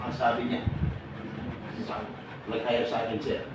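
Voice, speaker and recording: A man addressing a group of workers with lively, animated delivery, laughing often and firing questions at his audience. His voice sits at a middle pitch and comes from some way off the mic. The room is very echoey and there is steady background noise. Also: measured pace, recorded from a distance. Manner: animated, laughing, asks the listeners direct questions. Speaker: OFW advocate speaking to a group of workers. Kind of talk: lively talk to a live group.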